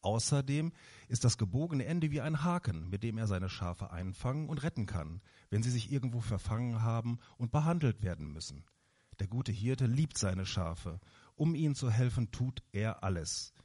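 A man voicing a kind, patient old candy maker gently explaining things to his granddaughter. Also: mid-range voice, animated, moderate pace, natural voice. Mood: gentle.

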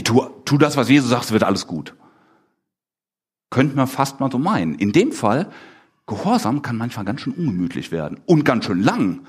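Male preacher. Slightly husky, very animated delivery. Talks to his congregation conversationally. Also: medium pitch. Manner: animated, asks the congregation questions, acts out the disciples' lines. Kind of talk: lively conversational sermon.

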